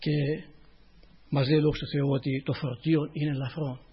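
Husky-voiced preacher on a dull recording. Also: male voice, level tone. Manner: rising to emphatic then dropping to a low murmur. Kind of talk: sermon.

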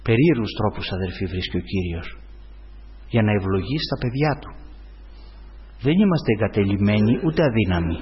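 Animated preacher man in an echoing hall. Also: pauses often. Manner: animated storytelling, swings up in pitch; addresses listeners as brothers. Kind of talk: sermon testimony. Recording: dull sound in a hall with long reverb.

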